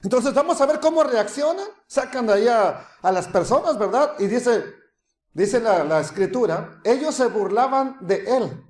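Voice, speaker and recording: A man preaching a sermon. He acts out scoffing onlookers with a laugh, then drops to soft, hushed tones. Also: very high-pitched, lively intonation, normal speed, roomy sound.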